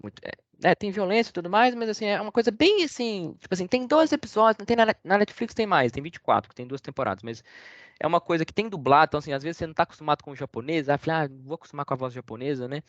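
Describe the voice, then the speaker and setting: A man's voice: high-pitched, animated, racing, fairly bright tone, dry recording. Guest speaker, Brazilian man, rambles hesitantly; dull, dry video-call sound. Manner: hesitant, rambling, many fillers and restarts. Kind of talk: casual online talk with Q&A.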